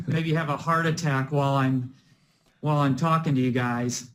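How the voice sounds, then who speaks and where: A man's voice: mid-range voice, steady tone, unhurried, slight background noise. A man joking in a laid-back way in a casual online video chat.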